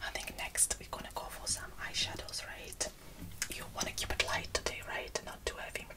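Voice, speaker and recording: Casting: young woman for whispered role-play as a make-up artist, brisk fast ASMR, breathy, set a little back from the mic. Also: far from the mic. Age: young adult. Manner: brisk, repetitive fast ASMR delivery, attentive. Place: small indoor room.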